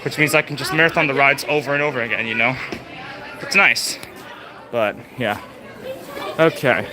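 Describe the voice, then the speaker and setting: A man's voice: mid-range voice, normal speed, a crowd in the background. A young man casually rambling through a live walkthrough of a theme park, recorded outdoors on a handheld phone. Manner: rambling, chatty, lots of fillers. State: out of breath. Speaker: vlogger livestreaming a theme park walk. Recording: phone livestream outdoors with loud music. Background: loud park music.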